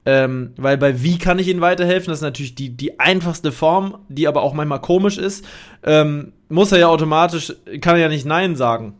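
A man's voice: on the high side, normal speed. A man co-hosting a casual podcast chat, talking loosely with frequent laughs and fillers. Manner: chatty, laughs often, many fillers. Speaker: podcast co-host.

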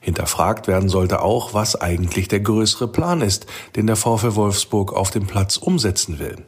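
A man's voice: on the low side, moderate pace, husky. A man reading out a scripted, critical and analytical commentary for a fan podcast.

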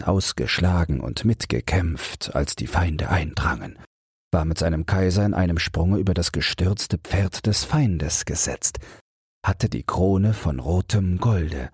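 A man narrating a fairy tale as a calm bedtime audiobook, measured and expressive. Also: low voice, slightly rough, no room sound, clean studio sound.

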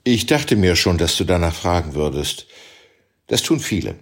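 A man voicing a cocky, self-assured male tennis ace who argues brashly, pitched higher than his own reading voice. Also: big pitch swings, normal speed, husky, heavily acted. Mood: offhand.

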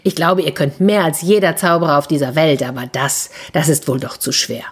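A woman storyteller voicing a sly, flattering talking tomcat in boots who orders farm workers about and sweet-talks a wizard. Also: low voice, fairly quick, husky. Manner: bold, persuasive, theatrically flattering.

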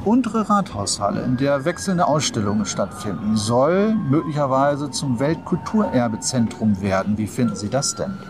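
Man, podcast host, walking interview, mid-pitched voice, music in the background. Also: big pitch swings, moderate pace, hardly any pauses. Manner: friendly questioning, tag "ne?" habit. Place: outdoors on a city street. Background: street music.

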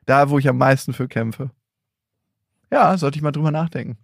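A young man with a gravelly, mid-pitched voice questions his co-host directly and speaks bluntly, with a playful streak. His voice sits close and dry on the mic. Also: normal speed, dry recording. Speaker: podcast co-host. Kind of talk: casual chat.

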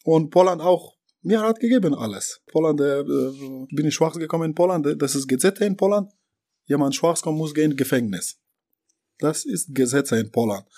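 A man from Afghanistan, not a native German speaker, talking in an interview in halting, broken German with many fillers and restarts. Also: a little high, dark tone. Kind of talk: interview about his deportation.

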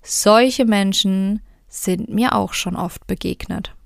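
A woman voicing a kind little old woman who is Hope, speaking gently and tenderly, at times in a whisper. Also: medium pitch, slow, creaky, no room sound, studio quality. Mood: agreeing. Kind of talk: fairy tale reading.

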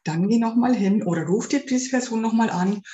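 A woman's voice: fairly high pitch, moderate pace, mellow, dull audio, a little hiss or hum. A woman hosting an advice podcast as a spiritual life coach, talking earnestly and directly to the listener. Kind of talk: casual spoken advice podcast. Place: room at home with a window. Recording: roomy echo.

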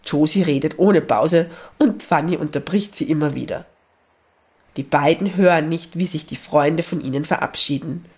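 Woman, storyteller, children's story reading, calm, gentle, slightly low voice. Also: normal speed. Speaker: storyteller, podcast host.

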